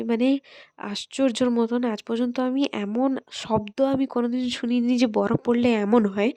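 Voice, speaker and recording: A woman's voice: sits high, darkish tone. A woman with a West Bengal accent, chatting casually in a home vlog and speaking straight to her viewers from her kitchen. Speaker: vlogger.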